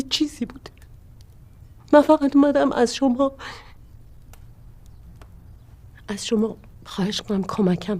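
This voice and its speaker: An actress playing a fierce grieving widow. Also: female voice, fairly high pitch, a little mellow, lightly acted. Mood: grim pleading. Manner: pleading, then bitter and accusing. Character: grieving mother of two, fierce and accusing. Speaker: widow confronting her husband's associates. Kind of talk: TV drama acting.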